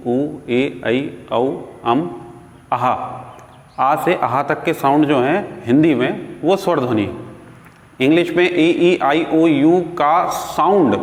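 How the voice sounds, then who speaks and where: A man teaching an English grammar lesson, explaining rules step by step and repeating examples slowly. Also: a little high. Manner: slow, drawn-out teaching delivery with repeated examples. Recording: echoey room with long reverb.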